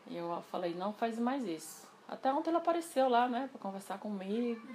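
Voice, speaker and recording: A woman telling a personal story in a casual interview, animated and acting out the dialogue she quotes. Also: on the high side, brisk, a little hiss or hum.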